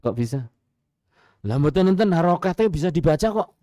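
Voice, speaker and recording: A man's voice: a little high, fairly quick, dry recording, studio quality. A man with a Javanese accent giving a radio sermon, telling stories with rhetorical questions and chuckles. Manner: animated, lively storytelling with rhetorical questions and chuckles. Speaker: Islamic preacher.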